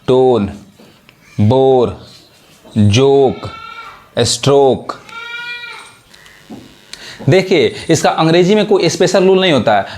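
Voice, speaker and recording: A man's voice: fairly high pitch, darkish tone. A man teaching an English pronunciation lesson, who spells words out letter by letter and keeps asking whether his students follow. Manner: repeats check questions, spells words letter by letter. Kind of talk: spoken classroom lesson.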